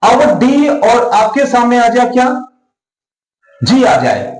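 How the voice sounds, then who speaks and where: Man, Hindi accent, high voice, teaching English, echoey room. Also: big pitch swings, slow pace, darkish tone, soft background music. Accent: Indian, Hindi-speaking. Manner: repetitive, questioning, addresses students as beta. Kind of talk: classroom lesson explaining pronunciation.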